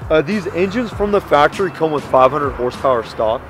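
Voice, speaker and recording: A man's voice: a little high, lively intonation, brisk, music in the background. A man chatting casually and technically as a car owner, mixing jargon with laid-back bro slang. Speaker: car owner interviewed about his build. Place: outdoors beside a car.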